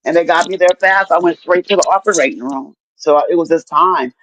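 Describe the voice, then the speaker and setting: A middle-aged woman telling her story in casual chat, animated and profane, acting out what people said to her. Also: fairly low pitch, brisk, a little hiss or hum. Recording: dull lo-fi dry sound.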